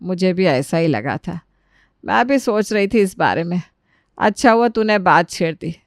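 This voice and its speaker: A calm, wise older mother-in-law from a cartoon story, voiced by a woman. She speaks lower than the others, soothing and advising. The take sounds close and dry. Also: unhurried, no echo.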